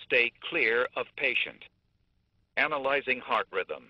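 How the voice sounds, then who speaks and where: A man voicing a calm talking defibrillator, giving clear, clipped rescue instructions in a measured way. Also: mid-range voice, dull audio, slight background noise, close to an everyday voice. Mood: calm, instructive. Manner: measured, imperative, clipped sentences. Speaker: defibrillator voice prompt. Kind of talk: spoken device instructions.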